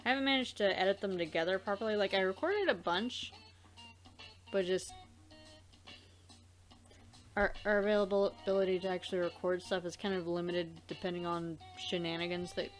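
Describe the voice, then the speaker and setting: Faint music plays behind this let's play host, an amateur voice dubber whose medium-pitched voice moves at a moderate pace with frequent pauses. Her gameplay chat is casual and meandering, often drifting off track.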